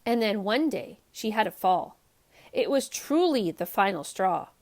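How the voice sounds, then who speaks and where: For young listeners, a children's read-aloud host narrates a storybook with expressive emphasis. She has a mid-range voice and a measured pace.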